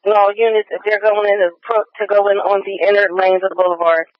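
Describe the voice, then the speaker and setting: A police radio dispatcher relays a live pursuit over a radio channel in clipped, repetitive procedural phrases. His high voice stays steady and fast, and the dry recording has the dull, lo-fi sound of a police scanner.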